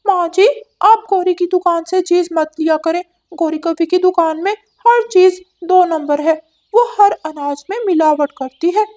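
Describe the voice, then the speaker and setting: A woman voicing a young male parrot in a cartoon, a loud tattletale who whines and stammers when scared. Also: extremely high pitch, a little slow, hardly any pauses, pitched above the performer's own voice. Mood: warning.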